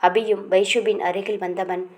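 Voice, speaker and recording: A woman narrator reads a romance novel aloud, leaning into the drama of each scene. Her storytelling cadence is expressive and even. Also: mid-range voice, moderate pace. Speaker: audiobook narrator.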